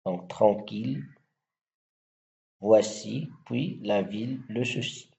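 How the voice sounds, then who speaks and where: Slow gravelly-voiced man teaching poetry. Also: on the low side, warm tone. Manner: slow, deliberate, spelling out syllables and rhyme schemes. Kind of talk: explanatory lesson with recited verse examples. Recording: dull lo-fi recording.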